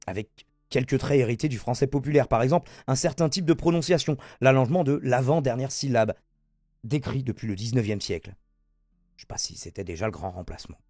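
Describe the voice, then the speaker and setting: A man hosting a mocking press-review commentary, sarcastic and animated, reading a text and breaking off into asides. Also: medium pitch, no room sound, clean studio sound. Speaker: political commentary host.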